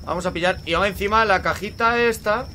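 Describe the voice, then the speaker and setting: A young man with a Spanish accent from Spain, hosting casual gameplay commentary, swearing often, grumbling at the game and breaking into loud panicked shouts. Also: sits high, brisk, slight background noise. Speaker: gaming channel host.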